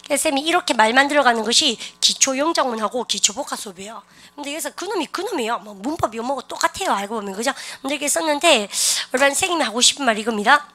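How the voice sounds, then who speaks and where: A woman teaching an online English grammar lecture, animated and coaxing her students to repeat example sentences aloud. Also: sits high, rapid-fire.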